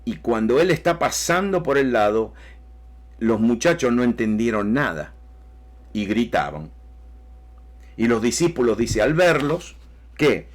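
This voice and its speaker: A man's voice: mid-range voice, big pitch swings, measured pace, pauses often. A man preaching a sermon emphatically, with rising bursts and repeated phrases. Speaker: pastor.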